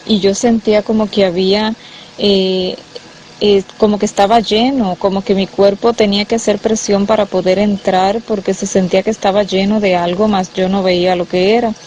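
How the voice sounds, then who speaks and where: A woman giving a personal testimony of a vision, halting with many fillers and restarts, and voicing the dialogue with feeling. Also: medium pitch, little pitch movement, a little mellow, lo-fi sound, a little hiss or hum. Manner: quotes dialogue with emotion. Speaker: church member telling a vision.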